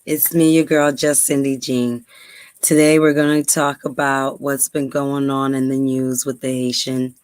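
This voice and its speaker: A New York woman vlogger with a very deep voice talks casually to camera before reading aloud. She comes across as earnest, with many ums and repeats, and the recording has no echo.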